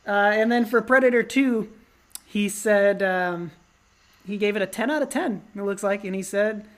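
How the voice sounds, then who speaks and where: Woman, podcast co-host, casual movie chat, teasing, middle pitch. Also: moderate pace. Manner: joking, teasing, lots of ums.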